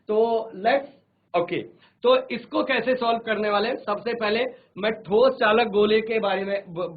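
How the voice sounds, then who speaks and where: A male physics teacher with a high voice who talks slowly and repeats each phrase so students can write it down. He calls his students children and drops English terms into his explanations. The sound is thin and tinny, like a phone line. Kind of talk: virtual classroom lecture. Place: studio classroom.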